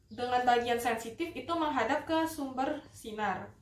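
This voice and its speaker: Speaking at a normal speed, a young adult woman, a dental student operator, walks through a rehearsed instructional demo with patient role-play, politely and one step at a time. Her voice is fairly high. The room is very echoey, she's slightly distant from the mic, and there's faint noise in the background.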